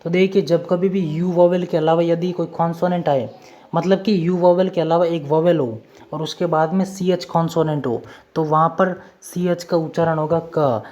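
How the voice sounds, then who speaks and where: A woman's voice: fairly low pitch, steady tone, moderate pace, warm tone, muffled recording. A woman teaching English spelling rules in a patient, repetitive lesson, going over each formula step by step. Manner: repetitive, drills formulas step by step, addresses viewers as friends. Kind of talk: classroom-style lesson explaining rules.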